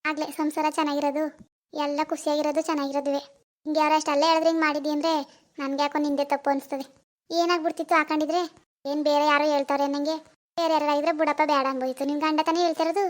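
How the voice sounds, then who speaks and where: A woman voicing a caring, middle-aged village mother in an animated cartoon, coaxing and scolding her daughter. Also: sits high, racing, close to an everyday voice.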